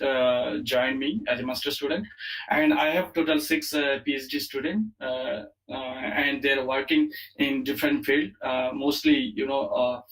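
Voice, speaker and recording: Halting Indian-accented man lecturing. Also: mid-range voice, fairly bright tone, rough recording. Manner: halting, hesitant delivery full of fillers and repeated words. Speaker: university lecturer, chemistry professor. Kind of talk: online academic lecture.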